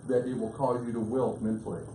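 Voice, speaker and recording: A man giving a fast, emphatic business seminar presentation to a live audience in a meeting room. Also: mid-range voice, level tone, dark tone. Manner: emphatic, rapid, listing points. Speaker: business speaker. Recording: roomy room, faint background hum.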